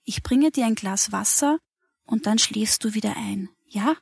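A woman voicing a kind mother who comforts a child in a calm, gentle, reassuring way. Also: medium pitch, measured pace, gravelly, slightly rough, no echo, studio quality.

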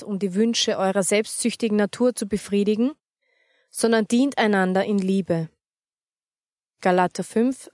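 A woman's voice: mid-range voice, dry recording, studio quality. Woman reading a children's story. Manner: steady, measured reading. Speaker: narrator.

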